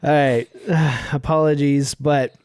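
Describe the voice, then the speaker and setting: A man co-hosting a podcast in casual chat, earnest and quick to chuckle, often restarting his sentences. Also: fairly high pitch, fairly even intonation, a little mellow, clean tone, no room sound. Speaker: podcast co-host.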